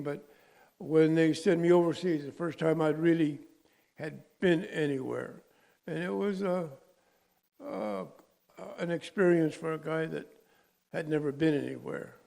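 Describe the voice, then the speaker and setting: An older man from California, a veteran being interviewed, who speaks haltingly and searches for his words. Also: a little high, creaky, darkish tone. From California, USA. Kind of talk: personal interview.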